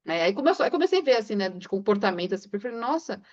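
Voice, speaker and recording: Woman, casual book club chat, rambling, filler-heavy, medium pitch, muffled video-call sound. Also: big pitch swings, very fast, darkish tone. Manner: rambling, anecdotal, frequent filler tags.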